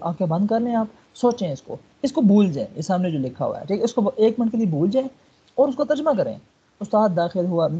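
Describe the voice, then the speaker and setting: Mellow husky male tutor, lo-fi. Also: sits high. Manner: coaxing, repeats words and checks understanding. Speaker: online Arabic teacher. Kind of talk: patient step-by-step tutoring.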